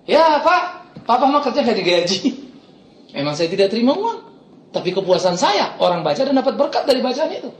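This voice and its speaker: A middle-aged man preaching a sermon as a pastor, animated, swinging between loud exclamations and quiet asides and laughing often. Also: very high-pitched, fairly quick. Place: church hall. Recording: echoey church hall.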